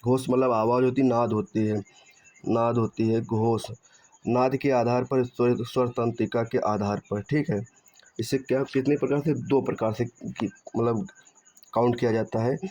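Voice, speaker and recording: A man with a mellow, mid-range voice gives an online Hindi grammar lesson, going back over points and asking questions only to answer them himself. He checks in with "theek hai" and drags out syllables while spelling sounds, and the lo-fi recording is dull and muffled.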